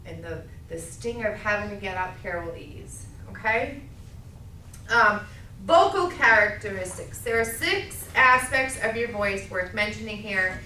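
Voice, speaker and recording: A middle-aged woman with a Massachusetts accent teaching a speech class, loud and projecting, checking in with "okay?" as she goes. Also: medium pitch, recorded from a distance, a little hiss or hum. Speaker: college speech instructor. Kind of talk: classroom lecture. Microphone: camera at a distance. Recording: echoey classroom recorded from afar.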